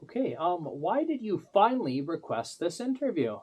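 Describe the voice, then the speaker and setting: A man's voice: sits high, sing-song, moderate pace, dark tone, husky. A man interviewing a guest, overly polite and mock-earnest.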